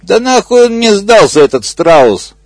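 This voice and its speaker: A man's voice: high voice, very animated, measured pace, dry recording, voice pushed up, full character voice. A man voicing a rude, bossy male crocodile who barks curses and scorn. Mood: scornful. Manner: barking curses.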